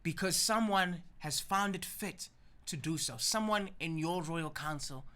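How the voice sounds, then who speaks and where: A man's voice: fairly high pitch, unhurried, sharp tone. A man voicing an earnest, pleading queen.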